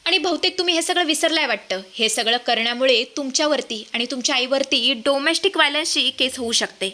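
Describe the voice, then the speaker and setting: A sharp, fearless young daughter-in-law, as a woman narrator puts her on, defiant and confrontational. High and bright, with a cutting edge. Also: brisk.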